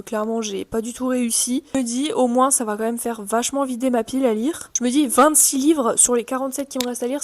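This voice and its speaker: A woman chatting casually to camera as a book vlogger, filling pauses with hesitations and rattling off book titles. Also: fairly high pitch, a little mellow. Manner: chatty, many fillers, reads titles quickly. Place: room indoors as daylight fades.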